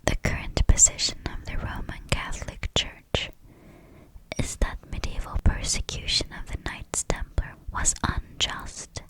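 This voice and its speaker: A woman reads scripted history in a soft, unvoiced ASMR whisper. She is very close to the stereo microphone, whispering into one ear and then the other. Her delivery is very slow and measured. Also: rough recording. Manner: whispering close into the listener's ears, moving ear to ear.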